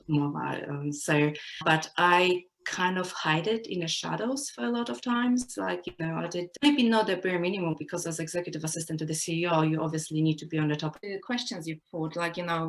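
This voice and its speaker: A woman from Poland, a personal development coach, talking reflectively in an interview with many "you know" fillers. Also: deep voice. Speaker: guest coach. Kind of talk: casual interview talk.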